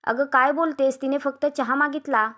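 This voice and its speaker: A woman's voice: on the high side, unhurried, natural voice. A woman voicing an older mother-in-law who complains and scolds on her daughter's behalf. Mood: scolding.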